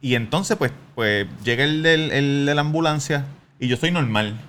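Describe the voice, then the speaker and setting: A man's voice: medium pitch, moderate pace, a little hiss or hum. A man with a Puerto Rican accent, co-hosting a podcast and telling a story with lots of acted-out quotes. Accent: Puerto Rican Spanish. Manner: animated storyteller, acts out quotes, bursts into laughing shouts. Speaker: podcast co-host. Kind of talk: casual storytelling chat.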